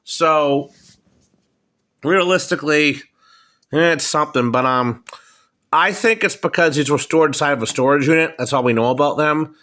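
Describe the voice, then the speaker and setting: With a slightly high, sharp-toned voice, a middle-aged American man does a casual, unscripted product show-and-tell as a hobbyist presenter. He speaks haltingly and matter-of-factly from behind a handheld phone camera, showing items on a wooden table in his home.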